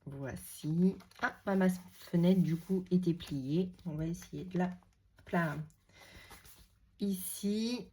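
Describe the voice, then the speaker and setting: A woman's voice: lowish voice, takes it slowly, warm tone, slightly rough. A woman hosting a casual crafting tutorial, chatting with frequent hesitations while she handles paper and stickers. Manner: chatty, hesitant with many fillers, talks while handling materials. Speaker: crafting video host.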